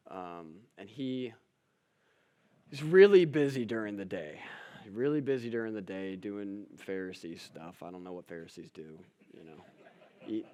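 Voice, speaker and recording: A man's voice: mid-range voice, a little mellow. A young male pastor giving a sermon in a casual, humorous storytelling manner.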